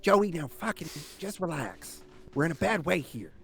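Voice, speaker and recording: A man's voice: fairly high pitch, sing-song, moderate pace, vocal fry, fairly bright tone, pitched above the performer's own voice, exaggerated voice. A man voicing an apologetic, placating wife with a folksy, pleading manner in a tabletop game. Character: apologetic, placating wife soothing her suspicious husband.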